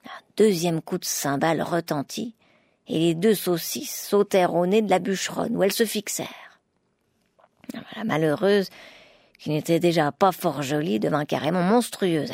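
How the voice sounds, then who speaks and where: A woman narrating a storybook tale in a measured, wry way. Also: lowish voice, gravelly, darkish tone, no room sound, studio quality.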